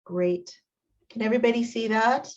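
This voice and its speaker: A woman hosting a meeting, reading a guest introduction with many um pauses over a video call. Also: fairly high pitch. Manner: warm filler-laden reading, with um pauses. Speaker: meeting host introducing a speaker. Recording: dull lo-fi video call audio.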